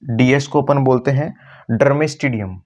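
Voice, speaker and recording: A man teaching chemistry at a board, often slowing down to repeat key words and calling his students "beta". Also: medium pitch, a little mellow, lo-fi sound. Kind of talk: classroom lecture at a board.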